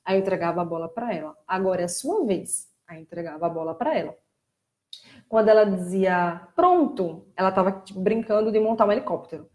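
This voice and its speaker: A Brazilian woman who works as a child speech therapist talks casually on a live stream, explaining things plainly and getting animated when she mimics children. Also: on the low side, fast talker. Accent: Brazilian Portuguese.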